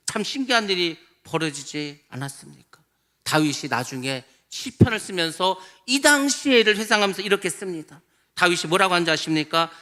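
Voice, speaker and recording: A man's voice: high voice, pushed and bright. A male pastor preaching a sermon in an emphatic way, often acting out quoted voices.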